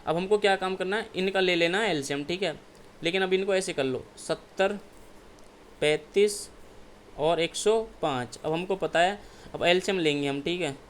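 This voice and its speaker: A male maths teacher from India, whose voice sits high, works through exam problems step by step at normal speed. He keeps asking questions and answering them himself, frequently checking in with "ठीक है" (okay). There's a little hiss or hum.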